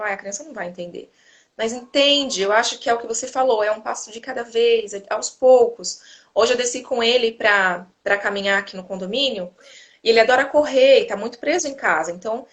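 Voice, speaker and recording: Mom hosting a chat, animated storyteller, slightly high voice, video call. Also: female voice. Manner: animated, acts out quotes while telling stories. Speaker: host; mother of a toddler. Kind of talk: casual chat.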